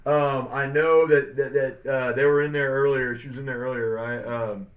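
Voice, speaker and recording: A man's voice: mid-range voice, steady tone, normal speed. A man co-hosting a sports podcast in casual chat, rambling with lots of fillers and upbeat hype. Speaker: podcast co-host. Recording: dull lo-fi sound.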